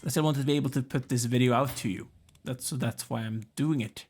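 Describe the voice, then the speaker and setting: A man's voice: mid-range voice, fast, a little mellow, slight background noise. A tired, yawning man casually commenting as he plays a strategy game, musing aloud and chatting to the characters on screen. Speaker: let's play gamer.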